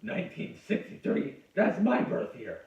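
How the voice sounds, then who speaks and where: A man's voice: high-pitched, huge pitch swings, unhurried, gravelly, a little mellow. A man giving a crude, rambling comic history lecture, cursing and interrupting himself. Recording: echoey, distant, dull lo-fi room sound.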